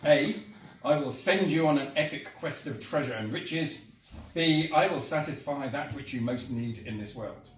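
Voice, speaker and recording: A man voicing a booming, pompous male genie who shouts his offers grandly, in a roomy space picked up from a distance with faint music behind. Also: normal speed, slight background noise, close to an everyday voice. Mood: bellowing.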